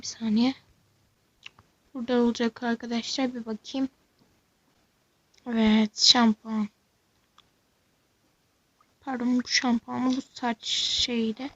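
A young woman casually narrating a toy role-play, muttering softly to herself as she goes. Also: on the high side, little pitch movement, measured pace, pauses often, no echo, muffled recording. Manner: chatty, softly muttering asides.

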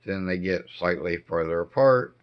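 Middle-aged man, hoarse damaged voice, halting home video update, dull lo-fi camera sound. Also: deep voice. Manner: slow, halting delivery with frequent ums. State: voice hoarse and impaired after throat cancer treatment. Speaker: homestead vlogger. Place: dim living room indoors.

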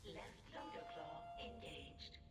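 A woman voicing a calm female ship computer that reads out automated system announcements, like a machine booting up its repair systems. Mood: flat, calm. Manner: slow, even, machine-like status readouts. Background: loud game music.

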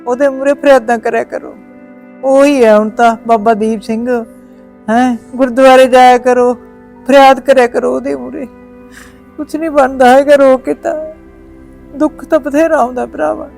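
A woman's voice: high-pitched, fairly even intonation, normal speed, creaky, long pauses, a little mellow, soft background music. A woman with a Malwai Punjabi accent playing a worried, kindly village mother-in-law who consoles and quotes proverbs. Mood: consoling. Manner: grieving, consoling, proverb-quoting. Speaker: actor in a village short film. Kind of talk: village family drama.

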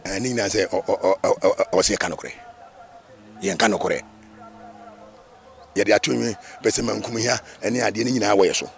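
A man from Ghana, a Rastafarian being interviewed, talking in an animated, emphatic way with many repetitions. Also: on the low side, quick pace, creaky, long pauses. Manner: animated, emphatic, with repetitions and sudden sung phrases. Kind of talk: casual interview talk.

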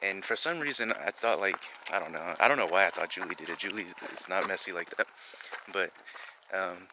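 A man's voice: sits low, brisk, noisy background. A young man with a lisp and slushy s sounds, chatting casually to camera as he vlogs outdoors. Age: young adult. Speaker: vlogger. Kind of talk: casual vlog chat. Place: outdoors on wooded trails and a campsite.

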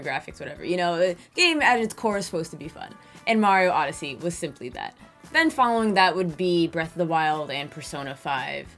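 A young woman talking through her year as a gaming YouTuber, chatty and candid, swearing freely. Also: mid-range voice. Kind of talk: casual year-in-review vlog.

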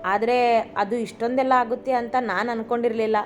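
A teasing young husband, read by a woman storyteller with a fairly high voice that barely rises or falls. He plays at being stern, then softens into affection. The recording is a little dull, with faint music underneath. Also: fairly even intonation, fairly quick, close to an everyday voice. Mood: tender teasing. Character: young husband teasing his wife with fake anger.

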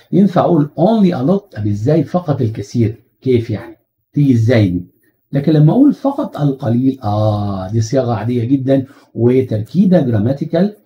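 A man with an Egyptian Arabic accent teaching an exam-prep English grammar lesson. He asks rhetorical questions and slows down to stress English phrases. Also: medium pitch, highs cut off.

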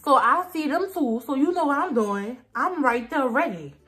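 A woman's voice: sits high, lively intonation, moderate pace, fairly bright tone. A young woman, tipsy and rambling, chatting casually in profane slang and repeating herself as she tells a story. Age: young adult. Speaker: makeup vlogger. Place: small dim room indoors. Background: faint music.

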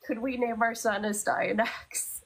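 This podcast co-host, a young adult woman, rambles through casual stories full of filler words. She speaks a little slowly in a slightly high, steady, creaky voice, captured on a rough recording.

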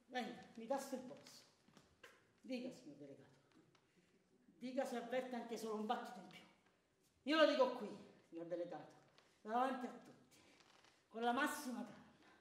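Man as a proud, desperate betrayed husband, high bright stage voice, distant and echoey. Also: animated, normal speed, pauses often. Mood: bitter, pleading. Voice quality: theatrical, swings from hushed to shouting. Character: wronged middle-aged clerk Ciampa, bitter, proud, desperate. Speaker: amateur stage actor. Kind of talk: stage theatre performance. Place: theatre stage. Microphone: distant room mic.

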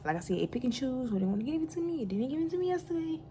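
Talking at a racing clip in a voice that sits high, a young woman vlogs casually into a phone held close at arm's length. She rambles, stays relaxed, and says y'all to her viewers, moving from her bedroom to a car in heavy rain, with slight background noise throughout.

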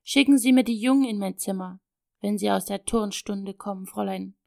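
A woman's voice: mid-range voice, big pitch swings, measured pace. A woman voicing a father, a doctor who speaks firmly to his little daughter with a fond undertone. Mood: angry. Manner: firm, then gently teasing. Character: father, a stern but loving doctor.

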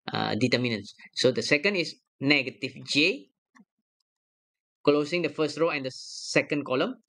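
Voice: medium pitch, a bit bright. A math lecturer talking through a worked problem step by step on a screen recording, checking each sum aloud. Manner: works aloud step by step, checking their own sums.

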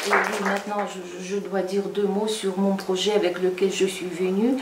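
A woman, a translator giving a halting reading talk full of fillers. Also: mid-range voice, little pitch movement, a faint crowd. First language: Russian. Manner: slow, halting, with many fillers. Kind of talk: reading talk with audience questions. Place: reverberant room in a château. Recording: echoey room, distant mic, faint noise.

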